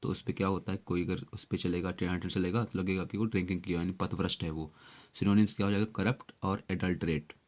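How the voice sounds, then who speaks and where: Low-voiced man teaching vocab. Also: steady tone, fast talker, darkish tone. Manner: chatty, with repeated questions to the viewer. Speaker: exam-prep vocabulary teacher. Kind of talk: explanatory lesson.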